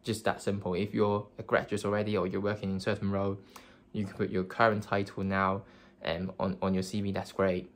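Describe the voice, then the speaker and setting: Here a low, flat-voiced young man from Hong Kong talks a little fast, offering casual career advice on camera. Cantonese is his first language, and he sounds earnest while often restarting and filling pauses.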